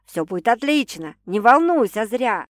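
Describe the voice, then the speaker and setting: A woman's voice: on the high side, big pitch swings, normal speed, no room sound, studio quality. A woman voicing a blunt, skeptical older sister who talks in brash slang in an audiobook.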